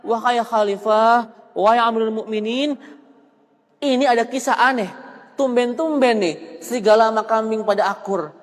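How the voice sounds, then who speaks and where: A puzzled, plain-spoken shepherd, put on by a preacher, wondering aloud in a high voice. A long hall reverb trails behind him. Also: male voice, normal speed.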